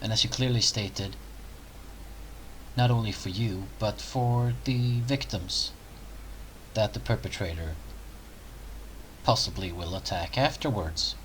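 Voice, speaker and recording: Low-pitched guy doing snarky commentary, faint hiss behind him. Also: slow, pauses often, fairly bright tone, low-quality recording. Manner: sarcastic, mocking. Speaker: commentary video host. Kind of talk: reaction commentary.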